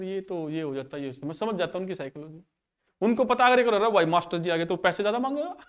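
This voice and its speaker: A man's voice: high-pitched, a bit bright. A male maths teacher in his thirties, telling stories casually to his class and acting out the quoted lines. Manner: chatty, acts out quoted dialogue.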